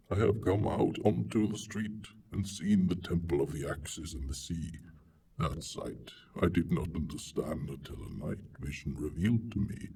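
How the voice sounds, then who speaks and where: A man performs a proud, lonely monster in a literary monologue, extremely deep and slow, with heavy creak. The delivery is hammy and stagey, grandiose yet childlike, swelling and dropping into hushes. It is picked up from a distance with faint noise. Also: heavily acted. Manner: haughty, pompous. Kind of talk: dramatic reading of a literary monologue.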